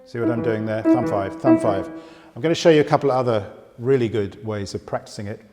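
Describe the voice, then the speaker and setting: A man's voice: medium pitch, fast. A man giving a piano lesson, explaining patiently and counting fingers aloud as he demonstrates in a very resonant room. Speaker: piano teacher. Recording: long room reverb with loud piano. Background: piano playing.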